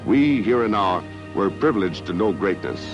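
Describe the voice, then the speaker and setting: A man's voice: fairly low pitch, lively intonation, moderate pace. A man narrating an old 1960s newsreel in a declamatory, stately manner, heard on a film soundtrack. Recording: dull lo-fi 1960s newsreel audio with music.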